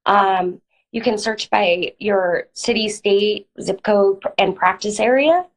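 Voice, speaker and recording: Speaking slowly in a mid-range voice, a woman lawyer guesting on a live online interview lays out legal matters in plain terms, hedging with fillers. She has a cold and keeps clearing her throat. The video stream audio is rough.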